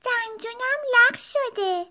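A woman voicing a curious little girl bear cub, speaking in a drawn-out, childlike, wondering way. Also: very high-pitched, bright, forceful tone, voice pushed up, heavily acted. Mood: eager.

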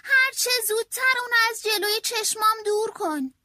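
A woman voicing a shrill, alarmed storybook mother. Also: animated, bright, forceful tone, no echo, studio quality, heavily acted. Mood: exasperated. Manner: shrill, exclaiming.

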